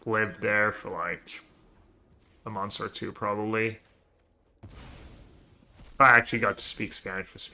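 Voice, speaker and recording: Slow, gravelly man thinking aloud. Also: fairly low pitch, bright, forceful tone. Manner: thinks aloud in short, trailing phrases. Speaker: streamer playing a card game. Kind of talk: casual gameplay chat to a live chat.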